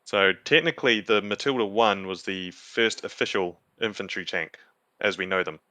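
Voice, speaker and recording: A man with a fairly low, crisp voice explains things informally as a podcast presenter. The sound is dry, with a forward, bright edge. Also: moderate pace, no room sound. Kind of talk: casual explanatory chat.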